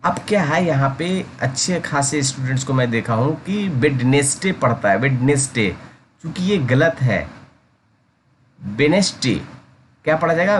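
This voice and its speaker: A man teaching English pronunciation in Hindi, repeating each word slowly and calling his listeners guys. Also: mid-range voice, a little hiss or hum. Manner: slow, drawn-out repetition of each word. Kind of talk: pronunciation lesson.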